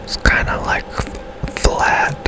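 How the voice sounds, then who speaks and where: This is ASMR from a man who streams games: he whispers offhand commentary as he plays, reflecting quietly and without hurry.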